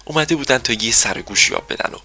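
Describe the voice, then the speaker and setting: A man narrating a children's story in a gentle storytelling manner. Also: mid-range voice, expressive.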